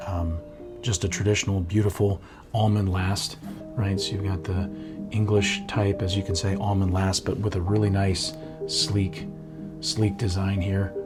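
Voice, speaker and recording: A man giving a thorough, relaxed product review at a table, often checking in with "right?" as he goes. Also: deep voice. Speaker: menswear reviewer. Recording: guitar music underneath. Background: guitar music.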